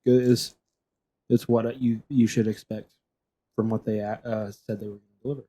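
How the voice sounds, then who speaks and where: Male podcast co-host, mellow tone, rambling casual delivery. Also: fairly low pitch, level tone, moderate pace. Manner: rambling, chatty, trailing off. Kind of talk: casual chat.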